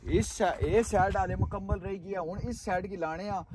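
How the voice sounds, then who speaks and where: High-voiced man chatting on a lakeshore. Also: fairly even intonation, a little fast, noisy background. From Kashmir, Pakistan. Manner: chatty, addresses viewers directly. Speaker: vlogger. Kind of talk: casual outdoor building vlog. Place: outdoors on a dry lakeshore.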